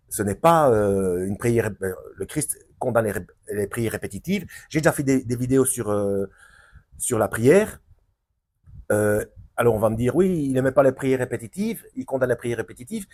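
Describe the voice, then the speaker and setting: A man with a husky, slightly rough voice gives an improvised Bible lesson to his viewers. He hesitates often, restarts phrases and fills gaps, then lifts his voice sharply to drive a point home. His pitch swings widely as he talks. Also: a little mellow. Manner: hesitant, many fillers and restarts, emphatic rises. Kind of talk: unscripted Bible teaching to camera.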